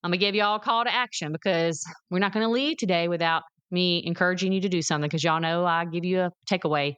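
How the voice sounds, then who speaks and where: Encouraging woman podcast host, smooth voice. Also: medium pitch, a bit bright. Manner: encouraging, emphatic, addresses listeners as "guys" and "y'all". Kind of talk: solo motivational podcast talk.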